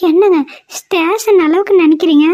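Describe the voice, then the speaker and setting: A woman's voice: very high-pitched, normal speed, dark tone, no echo, studio quality. A woman voicing an anxious middle-aged mother who pleads and prays, in a cartoon. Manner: fretful, pleading. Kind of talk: cartoon voice acting.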